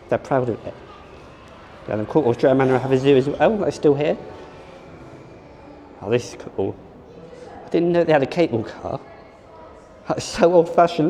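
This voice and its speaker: Warm-toned and medium in pitch, a man narrates a loose vlog that moves from a theme park into an exhibition. He muses aloud as he goes, regularly starting over and fixing what he just said.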